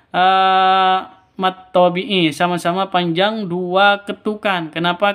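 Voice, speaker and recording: A man's voice: sits high, fairly bright tone, smooth. A man teaching Quran reading rules step by step, patient, repeating each rule twice. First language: Indonesian. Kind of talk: step-by-step recitation lesson.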